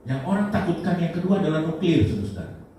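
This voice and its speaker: Guy preaching, gets loud then drops low, echoey hall, faint hiss. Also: a little fast. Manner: animated preaching, swings between loud emphatic and low asides. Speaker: pastor. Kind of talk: sermon. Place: church hall. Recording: echoey church hall, mic at a distance, light noise.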